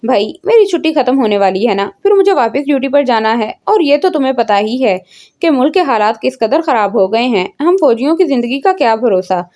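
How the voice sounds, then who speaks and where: Devoted young soldier in a storybook, as a woman narrator reads him, soft and earnest. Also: high voice, sing-song, a little fast. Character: young male army officer, gentle and devoted.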